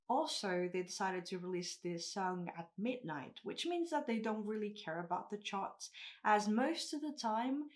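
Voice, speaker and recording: A woman hosts a music reaction video and talks straight to her viewers at a middling pitch. She is thoughtful and hedges her points. She sounds a little breathless and nervous. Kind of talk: casual reaction commentary.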